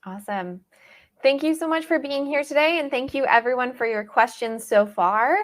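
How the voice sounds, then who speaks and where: Higher-voiced woman hosting an event. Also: normal speed. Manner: upbeat, thanking and introducing speakers. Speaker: event host. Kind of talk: moderating a live online event.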